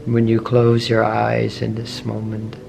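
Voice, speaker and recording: This meditation teacher's voice is medium in pitch and full of gravelly fry, and his delivery is completely flat. He leads the meditation very slowly and deliberately, offering short, gentle phrases with long pauses between them while soft music plays.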